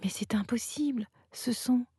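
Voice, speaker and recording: A protective big brother speaks firmly under his breath, whispered by a woman telling a bedtime story. The voice is airy and mellow, and it is close to the microphone, a whispered role-play. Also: a little high, normal speed, husky, dry recording, voice pushed up. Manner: firm and protective. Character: protective older brother, a boy.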